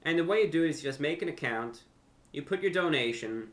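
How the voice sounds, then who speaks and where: Speaking from a furnished room in his home, this young adult American hosts a video channel and radio show and delivers a relaxed monologue to camera. His pitch is fairly high and expressive, his pace a touch quick. Earnest throughout, he leans on repeated phrases to drive points home.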